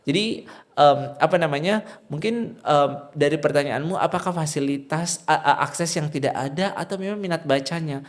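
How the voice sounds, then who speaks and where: Animated young Indonesian man. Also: a little high, normal speed. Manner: animated, acts out children's voices, mixes in English. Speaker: guest, literacy program founder. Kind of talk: podcast interview.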